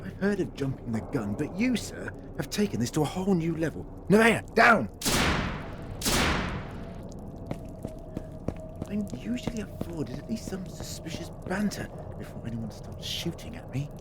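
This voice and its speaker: A man's voice: a little high, big pitch swings, a little fast, hardly any pauses. A man playing a wry, eccentric alien adventurer in an audio drama, with a theatrical, wordy delivery. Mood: indignant. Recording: noisy mix with effects and ambience.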